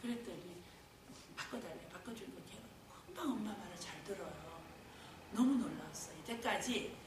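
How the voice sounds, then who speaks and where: A middle-aged woman who directs a care home tells stories at a faith lecture, lively and often laughing. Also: lowish voice. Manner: lively storytelling with frequent laughter. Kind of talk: lecture at a faith talk series. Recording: very echoey hall, distant mic, noise.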